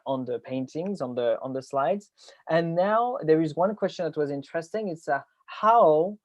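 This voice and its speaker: A man's voice: a little high, a little mellow, no room sound, highs cut off. A man hosting a live online tour, speaking with hesitant restarts. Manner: non-native English with hesitant restarts. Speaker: tour company host.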